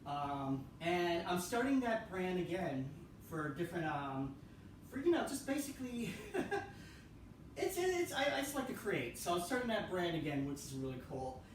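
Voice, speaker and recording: A piano vlogger with a high-pitched, very animated voice speaks unhurriedly while giving a casual tour of the pianos in a room of his house. He rambles and repeats himself with many ums, and the room is echoey, he is far from the mic, and there is slight background noise.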